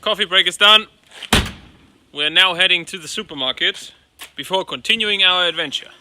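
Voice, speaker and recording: A man's voice: high-pitched, moderate pace, noisy background. A man hosting a travel vlog, talking casually in a wry, self-deprecating way. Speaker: vlog host.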